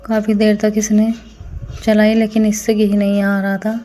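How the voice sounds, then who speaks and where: A woman's voice: medium pitch, monotone, moderate pace, dark tone. A woman narrating a casual family vlog at home, chatting to viewers as friends while feeling unwell. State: unwell, tired. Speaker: family vlogger.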